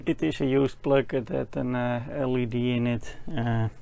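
Gravelly man in a workshop. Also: mid-range voice, fairly even intonation, normal speed, mellow. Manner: hesitant, many filler words, plain explanations. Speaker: electronics hobbyist presenter. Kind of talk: casual workshop tutorial. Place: electronics workbench in a small workshop.

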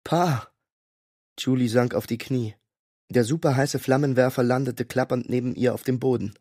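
A man reading a fantasy audiobook in a steady, measured storytelling way. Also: mid-range voice, dry recording, studio quality. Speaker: audiobook narrator. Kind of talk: scripted narration.

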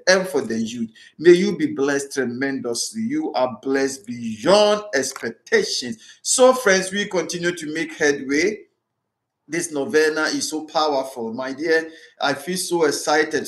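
Fervent Ghanaian priest leading prayers. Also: male voice, on the high side, reverberant. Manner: repetitive, fervent, exhorting.

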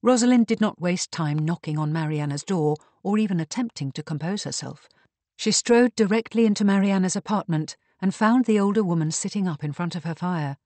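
A man reading a period mystery novel aloud in measured, even audiobook narration. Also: high voice, no echo.

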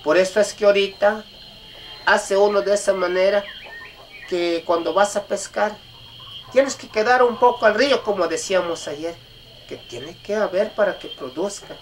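A man with a Mexican accent telling a folk tale aloud, halting and restarting often. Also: high voice, far from the mic, slight background noise. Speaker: storyteller. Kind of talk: oral folk storytelling.

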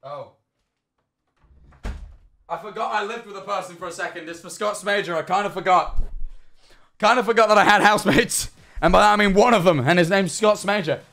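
A young man with a high voice reads viewer messages aloud on a livestream, talking fairly quickly and pausing often. He is animated and sarcastic, swearing frequently as he reacts to chat. He sits at a desk in a small bedroom streaming room, speaking into a headset-style studio mic.

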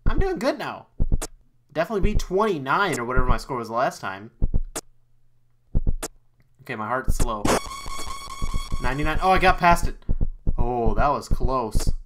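A man giving let's-play commentary on a horror game, easily startled, swearing often, and talking himself into calming down. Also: medium pitch, normal speed, long pauses, loud music behind the voice, rough recording. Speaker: YouTube let's player.

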